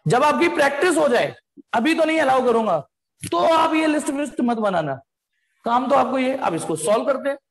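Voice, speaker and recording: Physics teacher in an echoey room. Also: male voice, very high-pitched, big pitch swings, normal speed. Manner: addresses students as beta, asks them questions. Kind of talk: classroom physics lesson.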